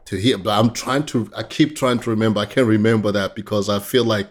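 Low-pitched tanzanian guy chatting in an interview, stops and restarts, laughs easy. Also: steady tone. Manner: halting, restarts phrases, laughs often. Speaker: guest. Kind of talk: casual interview chat.

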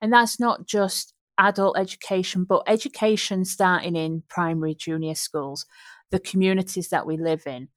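Woman from Yorkshire, low-pitched, dry close sound, reflective panel researcher with frequent restarts. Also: steady tone, normal speed, dry recording. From Yorkshire, England. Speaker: researcher and book author. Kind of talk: panel discussion.

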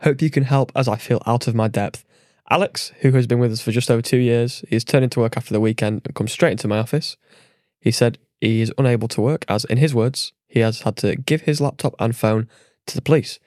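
A man's voice: mid-range voice, fairly even intonation, a little mellow, no echo. Man co-hosting a podcast, dry sound. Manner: playful, brisk interjections. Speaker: podcast co-host. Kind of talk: casual chat, reading out a listener email.

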